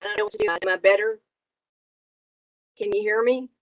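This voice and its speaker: A woman board director speaking on a remote call whose connection is breaking up, talking haltingly and restarting mid-phrase. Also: mid-range voice, dry recording. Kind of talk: public meeting questioning. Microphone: remote call audio.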